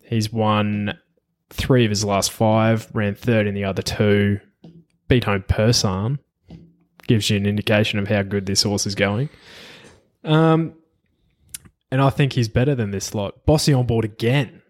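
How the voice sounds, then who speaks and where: A man with an Australian accent and a slightly deep voice. He runs through horse racing tips in a casual, conversational co-host style. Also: steady tone, a little slow.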